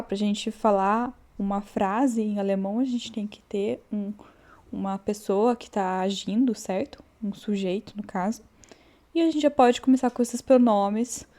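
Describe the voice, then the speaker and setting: Woman, language teacher, warm mellow tone, patient, repeats words slowly, casual lesson. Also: mid-range voice. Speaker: German teacher. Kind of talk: relaxed online language lesson.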